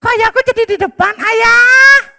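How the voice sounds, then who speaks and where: A man voicing an eager, pious young schoolboy in a children's story, calling out excitedly. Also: extremely high pitch, unhurried, pitched above the performer's own voice, heavily acted.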